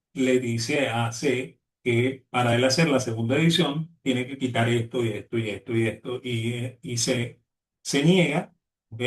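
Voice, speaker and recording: A man lectures on economics at a middling pitch, tacking "¿ok?" onto nearly every phrase and restarting words as he goes. He stands some distance from the microphone, so his voice comes through with the roomy echo of a classroom. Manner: constant "¿ok?" tag, restarts words. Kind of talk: university lecture. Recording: echoey room, voice away from mic.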